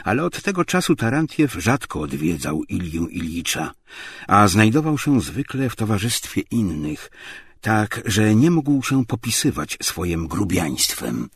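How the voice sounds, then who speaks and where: Slow, husky male audiobook narrator. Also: fairly low pitch, no room sound. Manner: calm, measured reading. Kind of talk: scripted narration.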